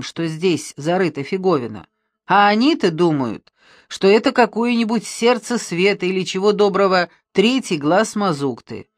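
Reader doing a self-satisfied male demiurge, lecturing, lively intonation, dry recording. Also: medium pitch, no room sound, voice pushed up, lightly acted. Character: smug scheming male demiurge, fond of mischief.

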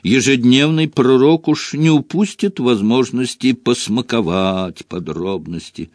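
A man's voice: mid-range voice, dry recording, clean studio sound, pitched above the performer's own voice. A man voicing a fretful, blustering male government minister. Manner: blustering, gloomy.

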